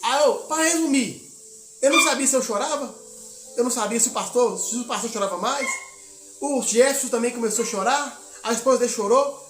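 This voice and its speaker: A man's voice: very high-pitched, brisk, fairly bright tone, roomy sound, a little hiss or hum. A man from Minas Gerais, a missionary preacher, telling a testimony in a sermon, acting out the dialogue of his story and exhorting the congregation. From Minas Gerais, Brazil.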